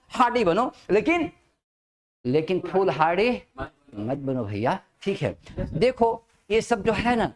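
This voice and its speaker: A high-pitched man lectures a class in spoken English, dragging out key phrases for emphasis and pausing to check that everyone follows. A faint hiss sits under his voice.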